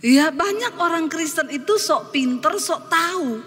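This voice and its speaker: A woman's voice: high voice, animated, unhurried, a bit bright, long reverb tail, slight background noise. A woman pastor preaching a sermon, telling stories with humorous asides to the congregation.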